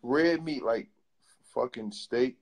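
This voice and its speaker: A man's voice: medium pitch, takes it slowly. A man hosting a casual video call chat, joking and teasing his callers with crude banter. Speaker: host.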